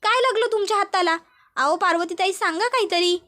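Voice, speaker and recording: A woman's voice: very high-pitched, brisk, bright, forceful tone, voice pushed up. A woman voicing a caring old grandmother who fusses with worry and repeats herself. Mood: fussing. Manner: worried, fussing, repeats herself.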